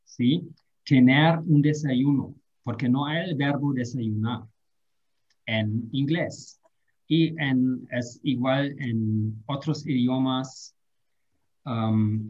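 Slow man teaching verbs. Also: medium pitch, a little mellow, muffled recording. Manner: slow, careful drilling of verb forms. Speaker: German teacher. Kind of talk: online language lesson.

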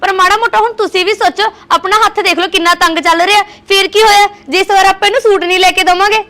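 A woman playing a sharp-tongued jealous sister-in-law. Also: extremely high pitch, steady tone, fast. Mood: bitter. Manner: taunting and sarcastic. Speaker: wife.

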